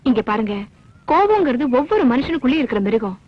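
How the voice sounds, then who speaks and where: An actress playing a calm, wise village woman who patiently advises a hot-tempered man, in a dull lo-fi film soundtrack. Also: high voice, quick pace, no room sound. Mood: teaching. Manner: patient, persuasive.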